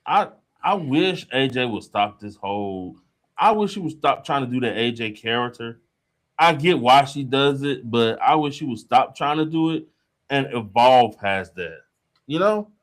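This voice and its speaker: A man's voice: medium pitch, expressive, measured pace. A man co-hosting a livestream over a video call, talking casually and searching for his words. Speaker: livestream co-host. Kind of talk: casual chat.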